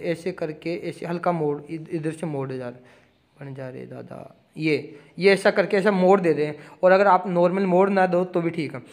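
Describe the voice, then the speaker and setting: A man teaching pronunciation and phonetic symbols in a casual classroom manner. He repeats each example word aloud and stresses sounds for emphasis, speaking words. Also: high-pitched. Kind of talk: classroom explanation.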